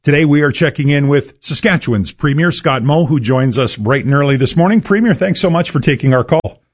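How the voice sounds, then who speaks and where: A man with a Canadian accent interviewing as a radio host in a warm, conversational way. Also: fairly high pitch, lively intonation, a little fast, husky.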